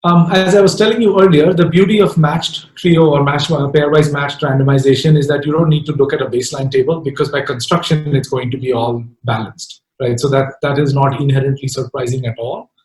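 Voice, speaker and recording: Male professor, slightly high voice, explanatory lecture manner with fillers; echoey hall sound. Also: fairly even intonation, fairly quick, hardly any pauses, a little mellow. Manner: explanatory, frequent "right?" and "um" fillers. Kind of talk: academic lecture.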